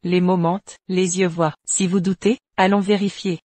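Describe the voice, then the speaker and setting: An actress playing a vengeful young noble daughter in a French drama dub, cold and cutting. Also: female voice, fairly low pitch, little pitch movement, moderate pace, a little mellow, dry recording, lightly acted.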